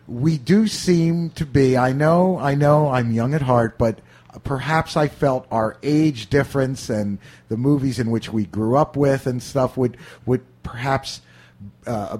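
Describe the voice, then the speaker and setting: A man's voice: mid-range voice, a little mellow. A middle-aged man hosting a radio show, chatting casually about films with rambling, wisecracking remarks and profane asides. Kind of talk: casual film chat.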